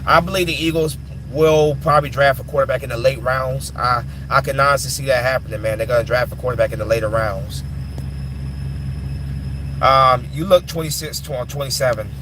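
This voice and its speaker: A live stream host in his twenties answers chat questions casually, often repeating and restarting his words. His mid-range voice is brisk, and there is background noise.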